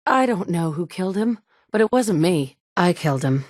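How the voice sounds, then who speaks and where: Voicing the player character in a video game, an actress plays a young mother set on finding her kidnapped son. She pitches fairly low and speaks expressively at a normal speed, her lines coming out dry, blunt and at times sarcastic, with no room sound.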